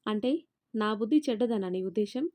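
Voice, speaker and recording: A woman's voice: medium pitch, brisk, a little mellow, close to an everyday voice. A woman doing a haughty, taunting mother-in-law. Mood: scornful. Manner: taunting, scornful. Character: sharp-tongued middle-aged mother-in-law, haughty.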